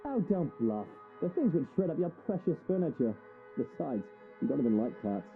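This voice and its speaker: An actor playing a teasing, argumentative husband in a visual novel game, heard through a muffled filter. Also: male voice, on the high side, big pitch swings, normal speed. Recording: thin band-limited sound over music.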